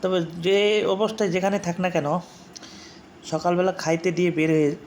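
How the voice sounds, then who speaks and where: A man, coaxing his cat softly and playfully while talking to viewers in a casual vlog. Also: sits high, level tone, normal speed, a little hiss or hum. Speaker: vlogger. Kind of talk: casual talk to a pet and to viewers.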